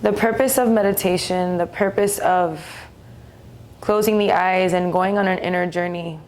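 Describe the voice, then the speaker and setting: A woman leading a guided meditation in a soothing, gentle, unhurried way, leaving long pauses between phrases. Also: lowish voice, fairly even intonation.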